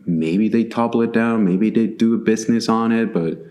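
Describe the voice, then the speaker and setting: In the echoey expanse of an empty church sanctuary, a man from Chile talks casually as a guest artist. His voice sits on the low side with a darkish tone and moderate pace, and he hesitates often, filling gaps and restarting.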